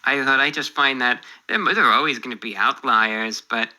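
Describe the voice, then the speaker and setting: A man speaking in a calm, understated, mildly bemused way in a casual monologue, answering viewer emails as a YouTuber. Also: medium pitch, moderate pace, poor audio.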